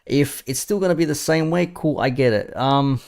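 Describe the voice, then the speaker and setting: A football streamer in his thirties chats casually and bluntly with his viewers about the game, sweary and mocking in a live chat. His mid-range voice has vocal fry and a darkish tone, at a moderate pace.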